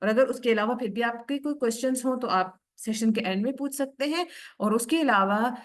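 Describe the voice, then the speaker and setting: A woman teaching Quran recitation in a recorded online lesson. She explains patiently, asks questions and answers them herself, and slows right down to recite each example word carefully. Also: on the high side. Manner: slows down sharply to recite Arabic words carefully.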